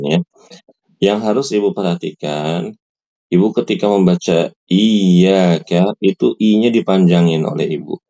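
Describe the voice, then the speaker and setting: Low, slow-speaking male recitation teacher. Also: warm tone, dull audio. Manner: patient, repeats and models recitation slowly. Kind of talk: online recitation lesson.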